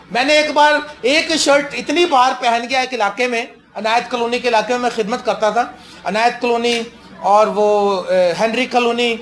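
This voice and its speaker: A man's voice: high voice, a bit bright, a little hiss or hum. A male pastor delivering a fervent sermon, swinging between stern warnings and joking stories.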